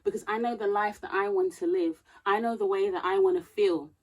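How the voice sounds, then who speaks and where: Looking into the camera, a vlogger in her thirties dispenses heartfelt, moralizing advice at a fairly quick clip in a mid-range, darkish voice. She leans on her notes now and again, and her emphasis grows as she talks.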